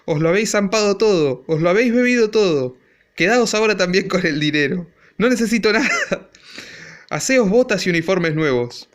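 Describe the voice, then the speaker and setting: A man voicing a furious, stingy old father who shouts in a shrill voice. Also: sing-song, measured pace, pauses often, exaggerated voice. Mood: furioso.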